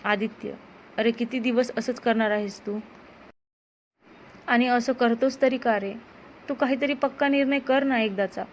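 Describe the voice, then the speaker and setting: A woman voicing a torn young woman who pleads softly with the man she loves. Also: a little high, fairly even intonation, normal speed, pauses often, a little hiss or hum, close to an everyday voice. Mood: reproachful. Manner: soft, pleading.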